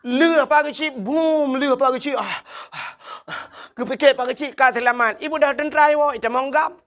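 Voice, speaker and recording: High, gravelly Acehnese preacher man. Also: a little fast, fairly bright tone. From Aceh. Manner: storytelling, acting out villagers' dialogue. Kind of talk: humorous village sermon.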